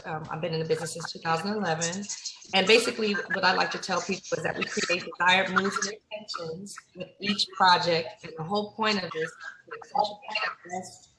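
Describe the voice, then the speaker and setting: A woman's voice: fairly low pitch, fairly even intonation, fairly quick, noisy background. A woman giving a home staging workshop over a video call, her audio echoing and doubled. She talks in a chatty way and restates her points.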